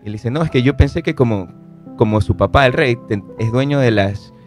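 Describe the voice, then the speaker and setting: Ecuadorian man, morning radio co-host, relaxed and rambling storyteller, light music bed. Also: mid-range voice, a little fast. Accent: Ecuadorian Spanish. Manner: relaxed, rambling, searches for words. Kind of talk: casual storytelling chat.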